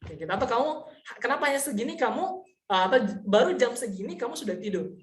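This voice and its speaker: A woman teaching a casual online Mandarin lesson, explaining patiently, saying example sentences slowly and often checking whether her students understand. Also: fairly high pitch, big pitch swings, echoey room, slight background noise.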